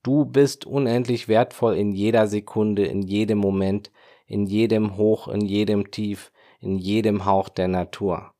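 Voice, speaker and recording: A man with a fairly low voice delivers a scripted motivational monologue as a podcast host and life coach. He speaks calmly and earnestly, building long, affirming lists. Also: measured pace.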